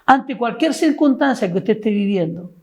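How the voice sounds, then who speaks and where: Woman, gravelly voice, fairly high pitch, exhorting church leader, addresses viewers directly. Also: lively intonation, normal speed, a little mellow. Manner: exhorting, asks pointed questions. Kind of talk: preaching to an online audience.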